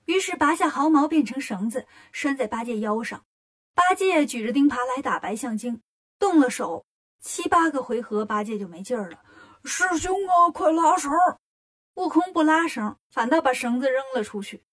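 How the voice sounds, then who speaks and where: A woman narrating a children's story in a lively, expressive way. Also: sits high, moderate pace.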